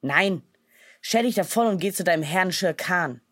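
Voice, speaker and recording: Brief: a curt, gruff father wolf in a storybook, voiced by a woman, low and dry. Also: unhurried, no room sound.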